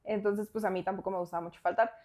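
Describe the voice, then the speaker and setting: A young woman with a Mexican accent telling a personal story on a podcast in a chatty, animated way, full of fillers. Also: medium pitch, racing. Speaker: podcast co-host. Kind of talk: casual storytelling.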